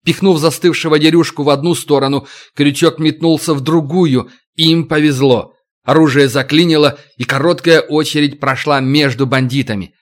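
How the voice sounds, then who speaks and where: A man narrating an audiobook in a steady, dramatic reading. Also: a little high, normal speed. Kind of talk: scripted narration.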